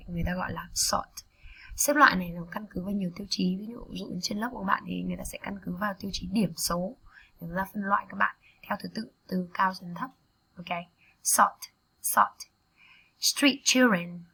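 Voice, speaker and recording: Woman English teacher, Vietnamese native; raspy, slightly creaky voice; slow repetition drills mixed with quick explanations. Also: medium pitch, sharp tone. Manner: repeats words slowly for students to echo, then explains quickly. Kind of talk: vocabulary lesson with repetition drills.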